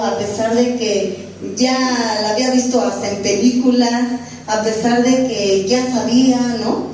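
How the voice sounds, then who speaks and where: A woman's voice: fairly high pitch, dark tone, slight background noise. A woman preaching a sermon in a church, earnest, often repeating herself and asking the congregation questions. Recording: echoey church room from far off.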